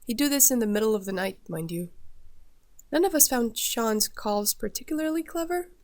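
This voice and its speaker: A woman's voice: a little high, expressive, moderate pace, darkish tone. Sick-sounding woman gamer with wry asides. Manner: casual, swears freely, wry asides. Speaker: let's play gamer. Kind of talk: game commentary and reading on-screen text aloud. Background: game music.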